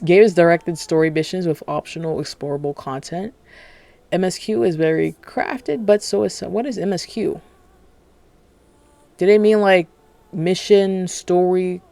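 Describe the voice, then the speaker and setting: A man's voice: high voice, vocal fry, a little mellow, no room sound. A man streaming casual reaction commentary, rambling and profane, talking with dental retainers in late at night. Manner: rambling, profane, self-interrupting.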